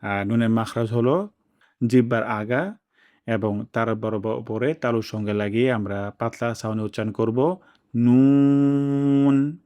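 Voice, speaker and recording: A man teaching the pronunciation of letters, explaining mouth positions and drawing each sound out slowly for students to copy. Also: on the low side, lo-fi sound. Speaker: Quran recitation teacher. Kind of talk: pronunciation lesson.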